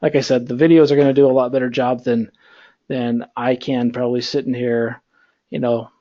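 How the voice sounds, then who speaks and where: A man's voice: mid-range voice, normal speed. Guy teaching a class over a video call, laid back, lots of ums, kinda dull computer mic sound. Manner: rambling, filler-heavy, relaxed. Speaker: instructor. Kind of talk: online class lecture.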